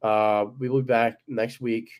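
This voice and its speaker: A man co-hosting a sports podcast, his voice audibly worn from being sick. He talks in a loose, agreeable way and leans on fillers. His pitch sits in a middle range. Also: level tone, a little slow, darkish tone. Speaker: podcast co-host. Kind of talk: casual sports podcast chat.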